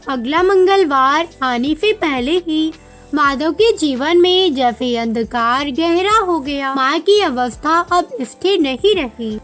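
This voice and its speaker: A woman narrating a devotional story in a solemn, measured way, with faint music behind her. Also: high-pitched, a bit bright. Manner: slow, solemn, measured delivery. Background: faint background music.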